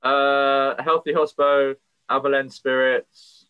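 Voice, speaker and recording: A man's voice: mid-range voice, little pitch movement, slow, clean tone, dry recording. A man speaking as a podcast guest, earnest and passionate, thinking aloud with fillers as he goes. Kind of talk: earnest conversational interview. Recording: tinny phone-like line, dry.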